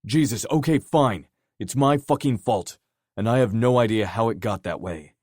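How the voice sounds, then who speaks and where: A frustrated, remorseful man grumbles and curses at himself in a deep, gruff voice, voiced by a male narrator. The audiobook sound is dry and close. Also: moderate pace, darkish tone, no echo, lightly acted. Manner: gruff, self-blaming.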